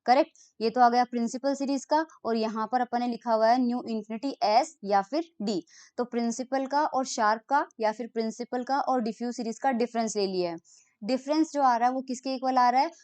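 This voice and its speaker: Clear-voiced woman lecturing step by step. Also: a little high, a little mellow, dry recording. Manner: explains step by step, reads English definitions slowly, then restates them in Hindi. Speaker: physics lecturer. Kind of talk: recorded online lecture.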